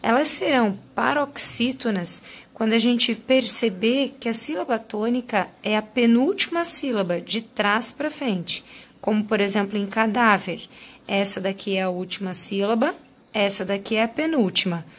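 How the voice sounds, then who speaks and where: A woman's voice: a little high, normal speed. Woman teacher explaining grammar rules. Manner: explanatory, stresses example words. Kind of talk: classroom lesson explaining rules.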